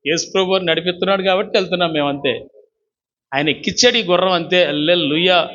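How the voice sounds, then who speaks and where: Male pastor, fervent call-and-response preacher; high, sharp delivery on a muffled lo-fi church recording. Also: slight background noise. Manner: fervent, urges congregation to repeat after him. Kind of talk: sermon. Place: church service. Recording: dull lo-fi recording.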